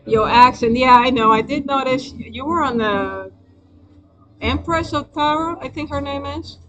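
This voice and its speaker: This recording is low quality, carrying a woman's fairly high, slightly bright voice at an unhurried pace. She hosts a live stream with a Spanish accent, talking loosely and hesitantly to viewers with plenty of fillers and restarts.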